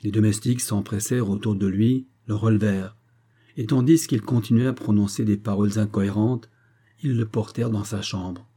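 A man reading a French novel aloud as an audiobook, in measured, dramatic narration. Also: fairly low pitch, steady tone, mellow, slightly rough. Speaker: audiobook reader.

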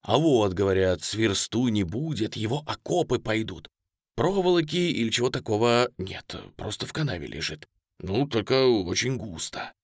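Plain-spoken male cossack scouts, read by a man, reporting in a low, hushed way in an audiobook. His voice stays close and dry, with lively pitch. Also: moderate pace, husky, no room sound.

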